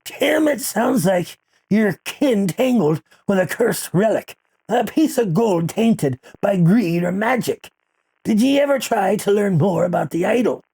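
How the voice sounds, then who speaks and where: A performer playing a gruff male pirate captain who hosts a radio call-in show, talking in a rolling, theatrical pirate manner. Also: mid-range voice, expressive, unhurried, dark tone. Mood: knowing. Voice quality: gravelly, husky. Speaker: radio host.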